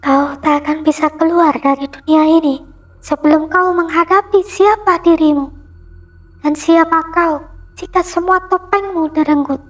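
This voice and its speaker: A man voicing a mysterious, calm woman who guides travellers through a spirit world, speaking in a solemn, measured way. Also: very high voice, voice pushed up.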